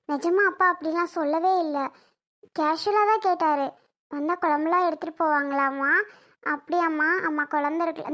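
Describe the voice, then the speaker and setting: A performer playing a young wife who keeps apologizing and calming her angry sister-in-law in a family drama skit. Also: high-pitched. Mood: pleading. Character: pleading young woman, soothing daughter-in-law.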